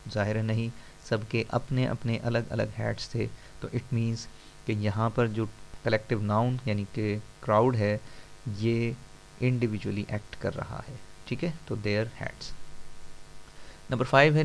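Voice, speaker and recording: A man walks through English grammar exercises, explaining in Hindi and slowing right down to read each English example sentence. His delivery is slow and measured, and his voice has a gravelly texture. A faint hum of background noise sits under the recording. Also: medium pitch, low-quality recording. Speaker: English teacher.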